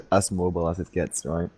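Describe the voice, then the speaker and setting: A man's voice: sits low, steady tone, moderate pace, dark tone, slightly rough, no echo. A man chiming in on a live stream with wry, offhand remarks.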